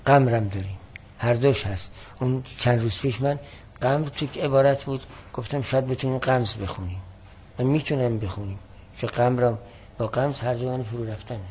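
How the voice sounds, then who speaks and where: A man with a mid-range voice explains a classical text in a steady teaching manner. When he reads quoted passages, he slows down and gives them extra weight. Faint hiss runs beneath the recording.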